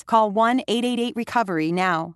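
A woman reading a scripted ad in an earnest, steady voice. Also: mid-range voice, normal speed, a little hiss or hum. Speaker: ad announcer. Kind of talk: scripted ad read.

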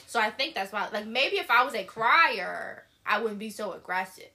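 A young woman in her twenties banters as a podcast co-host, blunt and matter-of-fact with frequent laughter. Her voice is high and bright. Her pitch leaps around with lively energy. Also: moderate pace. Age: 20s. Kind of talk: casual chat.

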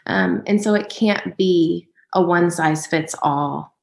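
A woman's voice: lowish voice, takes it slowly, creaky, darkish tone, echoey room. A woman giving practical parenting advice in a conversational way, often saying "um" and "right?". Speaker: parenting guest speaker.

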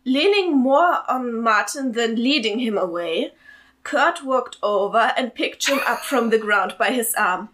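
Lively woman reading her own story. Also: on the high side, a little slow, background noise. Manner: amused, laughing between narration. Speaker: story author and podcast host.

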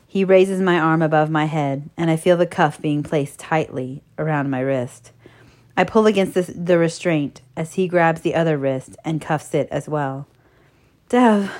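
A woman narrating a first-person erotic story in a soft, steady, intimate reading. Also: deep voice.

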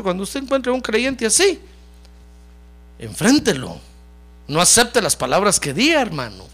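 A man's voice: high-pitched, a bit bright. A man preaching a sermon as pastor, talking straight to the congregation, calling them brother and having them repeat phrases after him.

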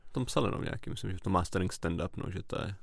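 A man hosting a podcast, asking relaxed questions and adding brief backchannels. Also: low-pitched, vocal fry, dry recording. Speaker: podcast host. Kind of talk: casual interview.

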